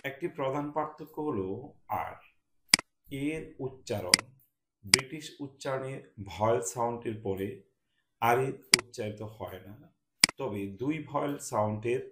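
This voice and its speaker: Slow, deliberate Bengali-accented male teacher. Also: medium pitch. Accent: Bangladeshi Bengali. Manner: slow, deliberate, repeats each word in pairs. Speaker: pronunciation teacher. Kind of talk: recorded language lesson. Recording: echoey room, loud background noise.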